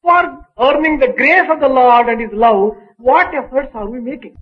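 A man translating a spiritual discourse line by line, in measured, deliberate phrasing. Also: very high-pitched, lively intonation, muffled recording. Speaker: interpreter.

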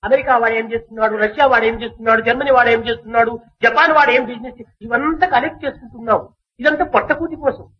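A man's voice: extremely high pitch, steady tone, racing, muffled recording. A man giving a spiritual discourse, preaching in rhythmic phrases that rise into exclamations. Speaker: spiritual speaker. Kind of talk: Telugu discourse.

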